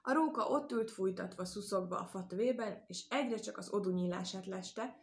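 A woman narrating an animal fable, reading in an expressive, measured way. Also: mid-range voice. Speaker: storyteller. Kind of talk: storybook narration.

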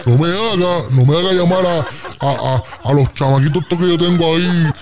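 A man's voice: a little high, a little fast, crowd noise. A man with a Puerto Rican accent on a comedy radio show, boasting through an exaggerated story full of slang and sung sound effects.

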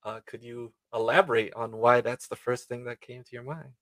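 A man's voice: medium pitch, steady tone, brisk, no room sound. Stammering male host in a dry room. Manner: warmly responsive, stammering, many fillers. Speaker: interview host. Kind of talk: conversational interview.

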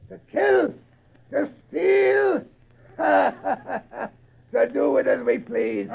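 An actor playing a boastful, bloodthirsty, fearless pirate captain, declaiming in an old-time radio drama. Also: male voice, extremely high pitch, vocal fry, a little hiss or hum, heavily acted. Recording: tinny, narrow-band old radio recording.

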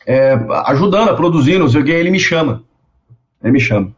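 A man, telling stories in a casual interview, animated and repeating words as he goes. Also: a little high, quick pace. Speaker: guest. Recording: dull lo-fi sound.

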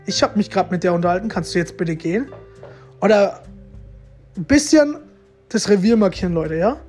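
A man's voice: sits high, darkish tone. Chatty man giving relationship tips. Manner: chatty, repeats himself, tags lines with "ja?" and "ne?". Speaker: relationship-advice vlogger. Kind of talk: casual advice monologue to viewers.

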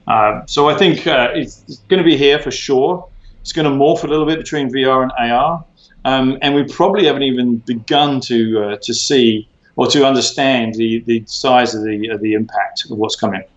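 A man's voice: mid-range voice, steady tone. Man explaining in a roomy, dull recording. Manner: measured, explanatory, many fillers and restarts. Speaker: interview guest, former tech executive. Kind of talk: conversational interview.

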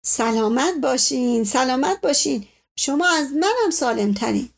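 A calm, formal old doctor, voiced by a woman narrating the story, speaking slowly and politely and repeating his courtesies. The voice rides somewhat high. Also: vocal fry, exaggerated voice. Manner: slow, courteous, repeats pleasantries.

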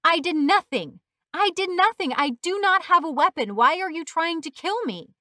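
A woman plays an exhausted nurse and mother in a storybook reading, weary yet defiant and holding her ground. The voice is fairly high and close, in a dry recording. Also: expressive, moderate pace, a bit bright, no room sound. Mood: pleading.

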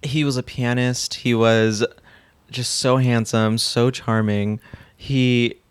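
A man's voice: medium pitch, level tone, slow pace, clean tone, no room sound. A man in his thirties telling frank stories in a casual chat, laughing often. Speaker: podcast guest.

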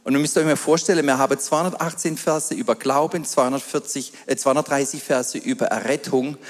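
A middle-aged man preaching a sermon, telling stories and calling the congregation "dear ones" in a lively way. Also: fairly high pitch. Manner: lively storytelling with quoted asides, addresses congregation as "ihr Lieben". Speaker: pastor. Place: church hall before a congregation. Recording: long hall reverb.

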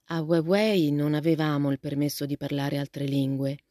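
A woman voicing a shy, courteous teenage boy in a storybook reading, speaking politely and softly. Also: sits low, level tone, normal speed, no echo, clean studio sound, lightly acted. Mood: calm.

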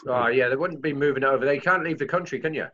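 A man's voice: medium pitch, pushed and bright, muffled recording. A man co-hosting a podcast, easygoing and agreeable in casual chat. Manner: easygoing, agreeable, quick to put on silly voices. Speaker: podcast co-host.

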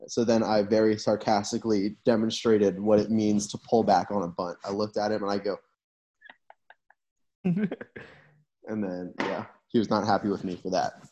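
A man's voice: on the low side, steady tone, moderate pace, dark tone, lo-fi sound. A young man, a college baseball player, casually telling stories on a podcast he hosts. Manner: laid-back storytelling. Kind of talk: casual chat.

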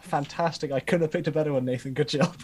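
Teasing male co-host, casual chat, slightly high voice. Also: fairly even intonation, quick pace, a little mellow, slight background noise. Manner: teasing, playful banter. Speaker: podcast co-host.

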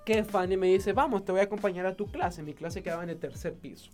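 Animated high-voiced young man storyteller. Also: quick pace, music in the background. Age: young adult. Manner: animated, acts out voices of people in his story. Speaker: co-host telling a story. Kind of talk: casual storytelling chat.

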